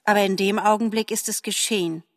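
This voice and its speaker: A woman's voice: mid-range voice, fairly even intonation, dry recording, studio quality, lightly acted. Woman doing a gossipy chattering magpie. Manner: chatty, quick to excuse herself.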